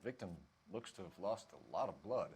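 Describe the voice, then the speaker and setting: An actor playing a businesslike 1940s police detective in a video game, terse and inquisitive. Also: male voice, low voice, lively intonation, fairly quick, darkish tone, husky, full character voice. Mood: musing. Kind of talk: period detective game acting.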